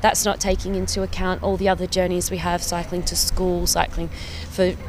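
On a city street, a Perth cycling campaign officer in her thirties shares her own story to camera in a casual, chatty, enthusiastic way, with little laughs. Her Australian-accented voice is on the low side and flat, moving at a moderate pace, with a little hiss or hum.

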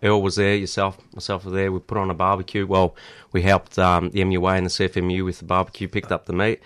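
Deep, dry-sounding blokey Australian man. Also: monotone, quick pace, fairly bright tone, clear, resonant tone, no echo. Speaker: union representative, podcast host. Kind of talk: casual chat.

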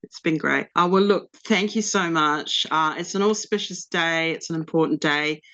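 A woman's voice: sits low, moderate pace, a bit bright. A woman hosting a casual radio interview in a rambling, informal, self-deprecating way. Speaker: radio host. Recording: slightly dull, lo-fi sound.

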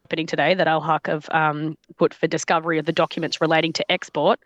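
A woman researcher speaking outdoors in a remote interview over glitching call audio that keeps cutting out, talking haltingly with many restarts and fillers. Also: low voice, level tone, no echo, muffled recording. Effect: glitching, dropping-out call audio. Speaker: researcher guest.

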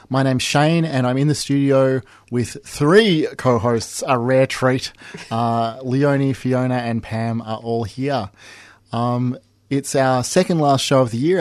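A man's voice: mid-range voice, darkish tone, no echo. A man casually hosting a radio show from a studio.

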